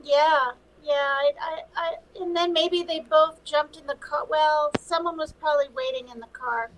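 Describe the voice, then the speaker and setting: Female panel guest, high-pitched, casual and tentative delivery. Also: steady tone, moderate pace, a bit bright, a little hiss or hum, poor audio. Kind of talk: casual chat.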